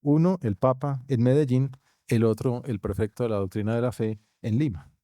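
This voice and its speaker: Here a Colombian man speaks at a university conference in an auditorium, lecturing academically in an even, measured manner broken now and then by quiet asides. His tone is mellow and dark at a middle pitch, captured dry and close with no reverb.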